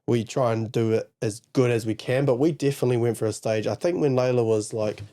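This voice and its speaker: Mellow young New Zealand man chatting. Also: mid-range voice, a little fast. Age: 20s. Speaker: podcast co-host and father. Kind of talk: casual podcast chat.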